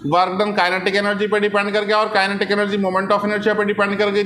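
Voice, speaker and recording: A man's voice: high voice, a bit bright, roomy sound, a little hiss or hum. A man teaching physics in a classroom lecture, explaining patiently and often checking that students follow. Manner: explains patiently, keeps asking "ठीक है?" and "है ना".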